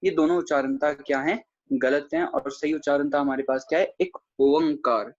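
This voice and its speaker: Over a video call, a Gurbani grammar teacher with a voice on the high side gives an online lecture on scripture pronunciation. He demonstrates sounds slowly and carefully, syllable by syllable, addressing the congregation respectfully. His video call microphone produces dull, lo-fi audio.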